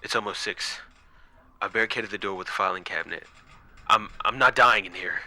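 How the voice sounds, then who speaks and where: A man with a lowish voice plays an exhausted, frightened young night watchman, weary and sharp-edged, recording desperate first-person log entries for a horror audio piece. He sounds hushed and afraid, speaking in a halting, dramatic way that breaks into whispers.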